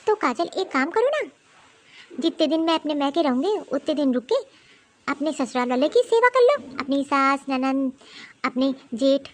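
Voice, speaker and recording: A woman's voice: high voice, lively intonation, moderate pace. A woman voicing a hardworking elder daughter-in-law in a cartoon who complains bluntly. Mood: indignant. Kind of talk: cartoon voice acting.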